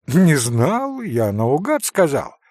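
A man voicing a cocky, sharp-tongued schoolboy who talks in a brisk, lecturing way. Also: a little high, huge pitch swings, dry recording, clean studio sound, full character voice. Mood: cheeky.

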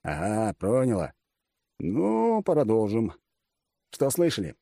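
Warm, lively male audiobook narrator. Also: lowish voice, a little fast, dry recording, clean studio sound. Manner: wry, ironic. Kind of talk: first-person audiobook narration.

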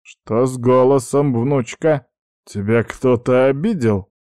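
A guy putting on a slow heavy old grandpa voice, bossy but doting, storybook reading. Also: medium pitch, a little mellow, dry recording, clean studio sound, pitched above the performer's own voice, close to an everyday voice. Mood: worried. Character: stern doting old grandfather, clan head.

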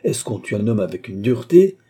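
A man voicing an imperious, impatient queen in an audiobook reading, firing off sharp questions. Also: on the low side, sing-song, brisk, slightly rough. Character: proud impatient queen, middle-aged woman.

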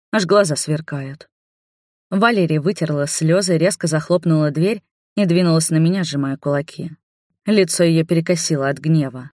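A woman reading a fantasy story aloud in the first person, steady and expressive. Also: low-pitched, no room sound, clean studio sound. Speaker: audiobook narrator.

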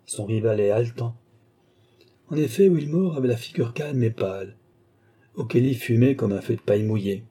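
A man reads a classic novel aloud as scripted narration, measured and even. His voice is very dark and mellow, with a husky grain, at an ordinary middle pitch. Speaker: audiobook narrator.

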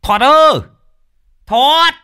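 A man's voice: a little high, very animated, a little slow, no echo, studio quality, voice pushed up. A man voicing a drunk, pushy young gambler who hollers with a slurred voice. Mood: drunken calling.

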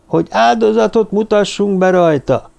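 A man reading an audiobook, voicing a crowd of male cult druids who answer slowly in unison. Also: high-pitched, vocal fry, darkish tone, pitched above the performer's own voice. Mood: chanting. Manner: slow, droning, answering in unison. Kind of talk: audiobook character voice.

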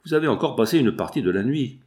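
A man's voice: medium pitch, lively intonation, fast talker, a little mellow, natural voice. A man voicing a young woman seamstress, patient and loving, read in an earnest, pleading way in an audiobook. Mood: tender, pleading.

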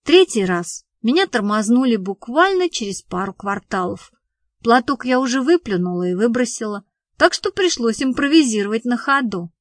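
A woman narrating a comic novel in a lively, expressive way, on a studio microphone. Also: fairly high pitch, moderate pace, dry recording. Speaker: audiobook narrator.

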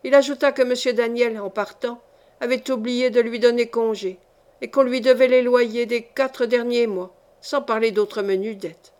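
A woman reading a classic novel aloud as an audiobook narrator, in a measured, clear storytelling manner. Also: on the high side, steady tone, darkish tone. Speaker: audiobook reader.

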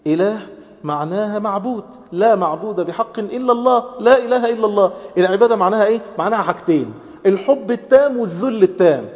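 A male preacher with an Egyptian Arabic accent, his voice a little high and warm in tone. He moves between loud, stressed lines and soft, tender ones, and slowly chants the prayers he quotes. The sound rings out with a long reverb, as in a large hall. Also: animated. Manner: swings between loud emphasis and hushed, tender phrases. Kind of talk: sermon to young people.

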